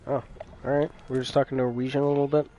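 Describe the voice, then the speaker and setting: A male game streamer talks casually over live gameplay. His voice sits at a medium pitch, and music plays faintly behind him. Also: level tone, very fast, mellow, lo-fi sound.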